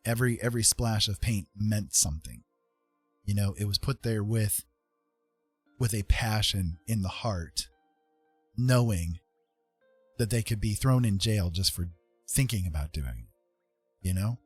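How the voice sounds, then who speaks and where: A middle-aged artist and writer hosts a casual livestream with music in the background, musing earnestly and hesitantly in reflective chat. His lowish, breathy-edged voice keeps a measured pace with frequent pauses, and there's no echo.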